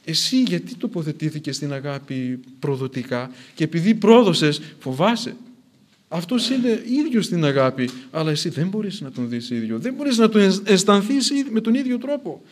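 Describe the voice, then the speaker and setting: A man's voice: high-pitched, expressive, a little mellow. A man preaching a sermon in an earnest way, repeating phrases for emphasis as his intensity rises and falls.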